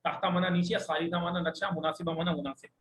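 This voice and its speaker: A man with a Pakistani Urdu accent teaching an Arabic class, spelling words out slowly and having students repeat and correcting them. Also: fairly high pitch, little pitch movement, fairly bright tone. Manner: drills pronunciation slowly word by word, corrects students. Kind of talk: classroom language lesson, streamed online. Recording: echoey classroom with faint background noise.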